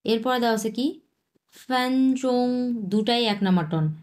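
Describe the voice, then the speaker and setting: A woman teaching a Chinese lesson, patiently repeating words slowly and explaining their tones. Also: mid-range voice, lively intonation. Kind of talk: language lesson explaining vocabulary.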